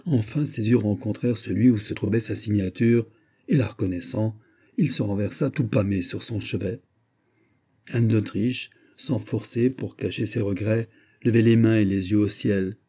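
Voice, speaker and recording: A man narrating a classic novel in a measured, literary way. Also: lowish voice, dark tone. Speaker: audiobook narrator.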